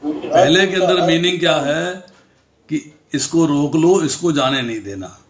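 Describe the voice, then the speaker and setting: A man's voice: on the high side, a little slow, reverberant. A man teaching a scripture class, explaining with simple examples, questioning his students and mixing English words into Hindi. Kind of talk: scripture lesson.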